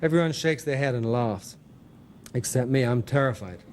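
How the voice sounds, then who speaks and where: A man's voice: mid-range voice, moderate pace, darkish tone, a little hiss or hum. A man reading aloud from his own memoir in a wry, dry manner. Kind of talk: memoir narration.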